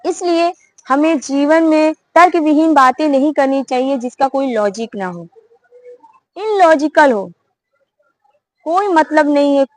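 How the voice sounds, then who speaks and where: A woman's voice: sits high, expressive, a little slow, long pauses, a little mellow, dry recording, poor audio. A woman voicing a clever old bird that mocks and lectures a hunter, in a preachy, scolding tone. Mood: lecturing. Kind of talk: storytelling.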